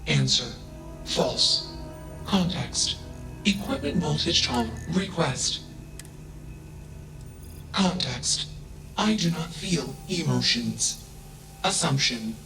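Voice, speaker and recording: An emotionless AI ship. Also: male voice, fairly high pitch, lively intonation, slow pace, pauses often. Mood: cold. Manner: emotionless, clipped machine speech that labels each statement. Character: cold emotionless male AI starship mind. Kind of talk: video game voice acting. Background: music.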